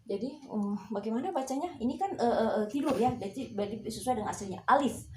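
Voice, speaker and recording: A woman teaching Quran reading, chanting letters slowly and pausing with fillers. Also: a little high, lively intonation, warm tone, reverberant. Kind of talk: slow recitation lesson.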